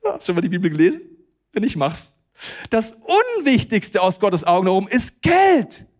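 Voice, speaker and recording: A man delivers a church sermon in speech. His voice sits fairly high, and he swings from quiet, intimate lines to loud, emphatic bursts. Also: very animated, fairly quick. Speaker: pastor.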